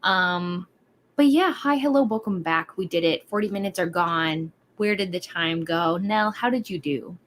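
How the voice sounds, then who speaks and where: A woman's voice: fairly low pitch, moderate pace, a little hiss or hum. A woman from Wisconsin hosting a casual livestream, chatty and bubbly, over-caffeinated and hyper, rambling with lots of fillers. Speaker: livestream host.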